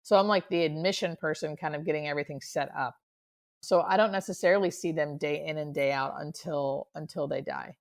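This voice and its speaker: An earnest woman with a fairly low, noticeably creaky voice, answering as an interview guest. She talks reflectively and conversationally, repeating phrases for emphasis as a hospice nurse explaining her work. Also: a little fast.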